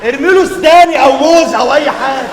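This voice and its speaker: An exasperated uncle scolding his nephew in an Egyptian stage comedy. He talks fast and sarcastically in Egyptian Arabic, very high, heard from afar in an echoing theatre. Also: a crowd in the background. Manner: sarcastic, repeats words back indignantly. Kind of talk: comic stage play acting. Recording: echoey theatre, distant mic, audience noise.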